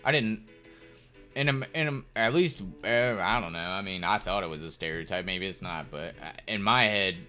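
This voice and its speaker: A man's voice: low voice, moderate pace, sharp tone. A young man chatting casually on a chess stream, rambling and laid-back with lots of fillers. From United States. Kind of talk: casual live-stream chat. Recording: faint music behind.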